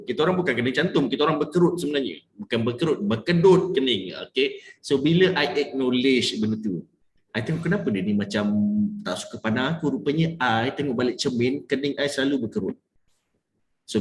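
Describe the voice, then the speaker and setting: A man runs a live coaching session, teaching by acting out examples and switching freely between Malay and English. His voice sits at an ordinary middle pitch. It is recorded in a room with audible echo. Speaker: business sales coach.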